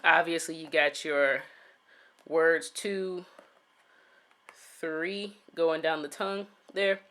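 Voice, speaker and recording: A man's voice: a little high, steady tone, slow pace, bright, forceful tone. A man giving a casual sneaker review, laid-back and full of "um" fillers, talking straight to his viewers. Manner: laid-back, many "um" fillers, talks to "you guys".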